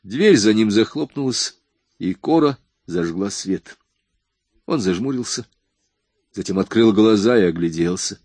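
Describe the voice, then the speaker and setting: A man narrating a crime novel audiobook in a measured, even reading. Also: on the low side, breathy edge, dry recording.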